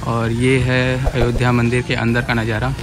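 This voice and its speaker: Over loud music, a young vlogger with a Varanasi Hindi accent talks viewers through an outdoor city sports field, chatty and pointing out features, his phone held at arm's length. He speaks at normal speed in a monotone, mid-range voice.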